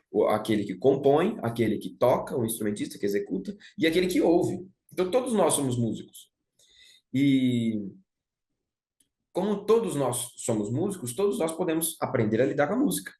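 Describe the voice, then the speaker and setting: A young man with a Brazilian Portuguese accent gives a reflective spoken talk on music, often adding "né?" and restarting phrases. His voice is medium-pitched and darkish, recorded with a roomy echo.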